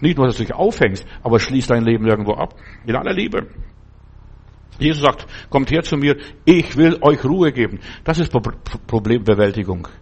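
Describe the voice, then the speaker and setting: A man's voice: mid-range voice, expressive, normal speed, vocal fry, a little mellow, breathy edge. An older man, a pastor giving a sermon in an emphatic, repetitive style with conversational asides. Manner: emphatic, repetitive preaching with rising outbursts.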